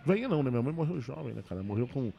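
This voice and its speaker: A man, a stand-up comedian, telling a personal story in a casual interview, with quick emotional restarts. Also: medium pitch, sing-song, vocal fry, lo-fi sound, soft background music. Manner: fast, emotional retelling with many restarts.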